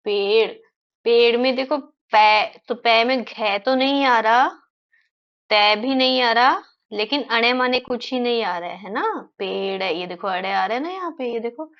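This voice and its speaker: A woman teacher explaining word sounds to young children, repeating each word slowly and checking in with them often. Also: a little high, highs cut off. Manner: slow, stretched-out repetition of words; frequent tag questions to children. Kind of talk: children's phonics lesson.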